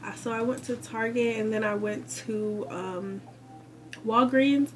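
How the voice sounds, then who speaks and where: Chatty young woman with a soft music bed. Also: fairly high pitch, normal speed. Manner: chatty, relaxed, filler-heavy. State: slightly congested. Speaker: vlogger. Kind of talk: casual shopping haul vlog.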